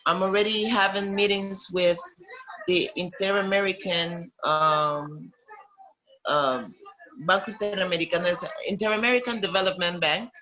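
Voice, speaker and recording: Costa rican lady on a video interview, bright tense voice, lots of ums and restarts. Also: fairly low pitch, muffled recording. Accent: Costa Rican Spanish. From Costa Rica. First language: Spanish. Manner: halting, many ums and restarts. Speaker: boxer, interview guest. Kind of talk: remote interview.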